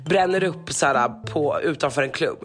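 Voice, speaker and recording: A woman co-hosting a relaxed podcast chat tells a long story with plenty of energy. She keeps acting out what people said and fills her talk with small filler words. Quiet music plays faintly underneath. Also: sits low.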